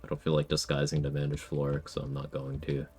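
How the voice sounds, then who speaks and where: A man's voice: very deep voice, monotone, fast talker, dark tone, slight background noise. A man giving casual, matter-of-fact gameplay commentary, thinking aloud as he plays. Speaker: gaming streamer.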